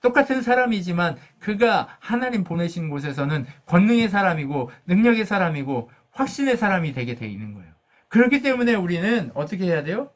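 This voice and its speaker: A man's voice: high voice, sing-song, a little fast. A man preaching a sermon as a pastor. He asks the congregation questions, answers them himself, and acts out God's words with rising force.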